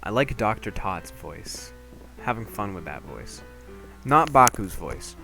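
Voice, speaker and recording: A man's voice: lowish voice, measured pace, creaky, soft background music. A young man streaming a game, chatting casually and joking with his viewers. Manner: chatty, jokey, animated.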